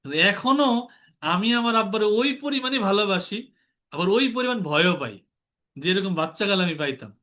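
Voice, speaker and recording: A young man leads an online lesson with a high, ringing voice. He talks earnestly, circles back over his points and calls on students to answer. His tone is bright and forward. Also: expressive, a little fast, long pauses. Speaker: online class instructor. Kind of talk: informal teaching lecture. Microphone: online class call.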